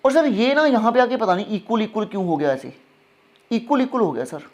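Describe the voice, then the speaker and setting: A man's voice: high voice, expressive, fairly quick, highs cut off. A male teacher voicing an eager young male student who keeps calling him sir and pleads with him. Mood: puzzled.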